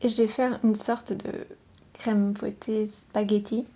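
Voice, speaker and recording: A woman speaks ASMR in a slow, hushed way, slipping between soft voice and whisper. Her voice is husky and hoarse with a cold, and its tone is mellow. She sounds gentle and never hurries. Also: mid-range voice, flat delivery. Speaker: ASMR video host. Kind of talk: softly spoken ASMR, drifting in and out of whispers.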